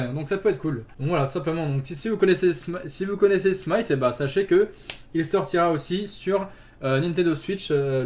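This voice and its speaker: A man's voice: on the high side, a little mellow. A man hosting a gaming video, chatting casually with many fillers and restarts and laughing at himself. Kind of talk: casual chat.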